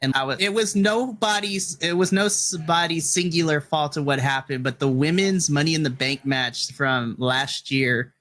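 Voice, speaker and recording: A man co-hosting a podcast in casual chat, talking in excitable bursts with gasping exclamations. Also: fairly high pitch, normal speed, hardly any pauses. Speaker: podcast co-host.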